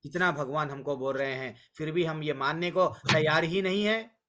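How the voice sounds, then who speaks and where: A man's voice: a little high, moderate pace, pushed and bright. A man teaching a devotional scripture class, earnest and coaxing, who repeats words for emphasis and mixes in English words. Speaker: Bhagavad Gita class teacher.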